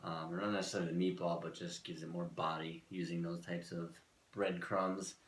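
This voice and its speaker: Man co-host, deep voice, dry teasing banter, cooking demo in an echoey kitchen. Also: little pitch movement, a little fast. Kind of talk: casual cooking demo chat. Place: kitchen studio.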